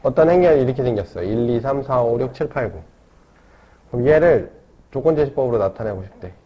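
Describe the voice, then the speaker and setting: A man's voice: medium pitch, animated, brisk. A man teaching a math lesson, explaining step by step and often checking in with tag questions. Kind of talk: classroom lecture. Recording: dull lo-fi lecture recording.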